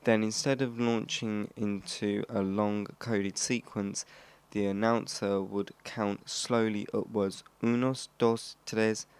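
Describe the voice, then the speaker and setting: The host of a shortwave radio history channel reads scripted narration in a lowish, flat voice, taking it slowly with a clean tone. Now and then he stumbles over phrases and restarts them.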